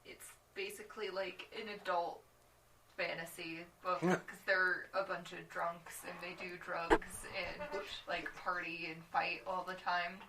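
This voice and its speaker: A woman's voice: on the low side, little pitch movement, unhurried. A woman co-hosting a casual podcast, chatty and laughing as she recaps a comic book. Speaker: podcast co-host. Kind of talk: casual chat. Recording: distant mic with faint noise.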